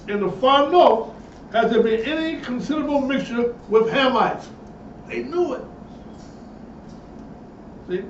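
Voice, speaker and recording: This sermon comes from a man with an extremely high-pitched voice who reads passages aloud and punctuates them with emphatic asides. The audio is lo-fi, dull, echoey and distant, carrying a little hiss or hum.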